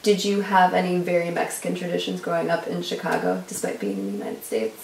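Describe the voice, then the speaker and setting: A woman's voice: lowish voice, flat delivery, fast, gravelly. A woman interviewer asking brief questions and giving short encouraging replies. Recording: echoey room, voice from far off.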